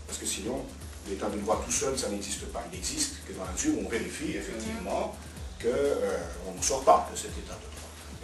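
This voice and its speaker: An invited expert in a political round-table debate, this man speaks off the cuff, laying out his arguments didactically and repeating words for emphasis. His voice is mid-range. The setting is a roomy indoor cafeteria, recorded on a distant mic in an echoey room with music playing behind.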